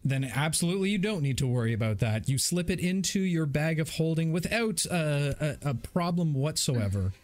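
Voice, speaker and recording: A man narrating a tabletop game as its game master, descriptive and measured. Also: fairly high pitch, lively intonation.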